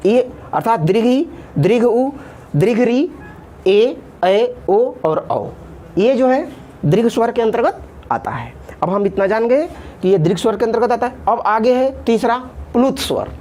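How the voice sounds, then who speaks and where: Female Sanskrit grammar teacher, high and animated, explains patiently with lots of repetition. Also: unhurried. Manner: patient, repeats terms in Sanskrit then Hindi, draws out vowel sounds. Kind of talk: classroom lesson explaining at a board.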